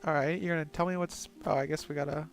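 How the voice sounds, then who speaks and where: A man's voice: fairly high pitch, fairly even intonation, fast talker, vocal fry. A man hosting a let's play with casual, joking commentary and a stuffy nose, reading game dialogue aloud.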